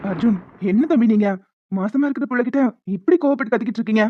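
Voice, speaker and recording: A voice actor doing a gentle elder brother. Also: male voice, very high voice, fast talker, background noise. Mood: soothing. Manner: soft, soothing, reassuring. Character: kindly older male relative, calm peacemaker. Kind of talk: Tamil cartoon voice acting. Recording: dull lo-fi sound.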